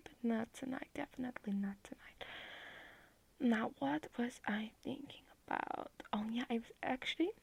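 A soft, breathy whisper from a doting, clingy young girlfriend, played by a woman in an ASMR roleplay. She murmurs close and playful, with a fairly high tone under the hush. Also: exaggerated voice, rough recording. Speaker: roleplaying girlfriend on a video call.

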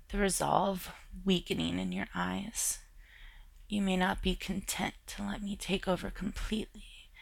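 Woman narrator for an intimate audio story: heavy vocal fry, bright tone, soft and half-whispered. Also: medium pitch, no echo. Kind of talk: intimate second-person romantic audio story.

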